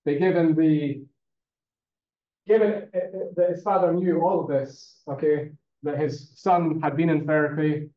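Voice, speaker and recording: A male university lecturer giving a classroom lecture in a conversational way, often checking in with "okay?" and fillers. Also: a little high. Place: lecture room. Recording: roomy, dull lecture-room recording.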